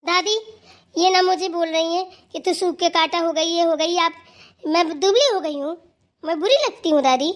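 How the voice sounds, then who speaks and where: A woman's voice: very high voice, moderate pace. A woman voicing an earnest young daughter-in-law in a cartoon who pleads her case to her grandmother-in-law. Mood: pleading. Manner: earnest, pleading and defending herself. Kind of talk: cartoon voice acting.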